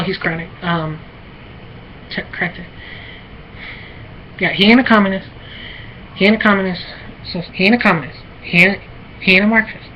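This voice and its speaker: An American woman talking alone in a halting, repetitive, rambling way, with many fillers and restarts. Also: medium pitch. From United States. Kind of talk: rambling solo monologue. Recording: muffled lo-fi with faint noise.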